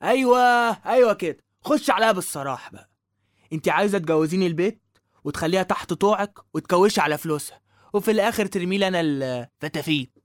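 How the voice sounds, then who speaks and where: A man's voice: high-pitched, very fast, no echo, clean studio sound, natural voice. A man with an Egyptian accent playing a put-upon, cheeky young working-class son in a drama, slangy and complaining. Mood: exasperated. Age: young adult. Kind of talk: dramatic dialogue.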